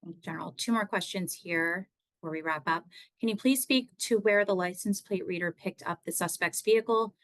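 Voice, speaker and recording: A woman's voice: fairly low pitch, brisk, dry recording. A woman moderating a press briefing, reading out reporters' questions in a polite, businesslike way.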